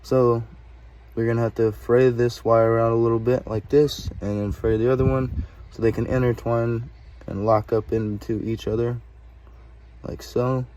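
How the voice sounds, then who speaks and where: A man hosts a casual DIY tutorial, filmed on a phone camera he holds while working, his mellow, medium-pitched voice level in tone and moderate in pace. He rambles informally and swears mildly now and then. Ambient noise comes through clearly on the recording.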